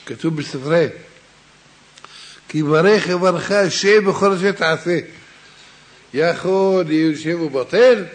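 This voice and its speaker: A man preaching a Torah sermon and telling a parable, swinging between hushed and raised delivery, addressing his listeners directly. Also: a little high, pauses often.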